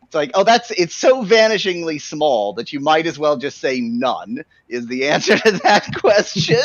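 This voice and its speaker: A man's voice: a little high, very animated, moderate pace, fairly bright tone, no room sound. A man joining a stream as guest, chatting casually with wry, laughing remarks. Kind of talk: casual chat. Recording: dull, dry lo-fi line.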